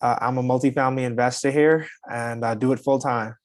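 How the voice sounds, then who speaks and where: A man's voice: mid-range voice, steady tone, a little fast. A young man from the Bahamas, a guest in a casual interview over a video call, answering in an easygoing, agreeable way. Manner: easygoing, agreeable, many "you know"s. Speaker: guest, real estate investor.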